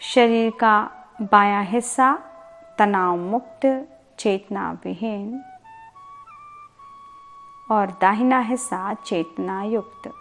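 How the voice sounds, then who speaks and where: A woman leads a sleep meditation as a yoga instructor, her mid-range voice backed by soft music. She is calm and soothing throughout, moving deliberately with frequent pauses and repeated words.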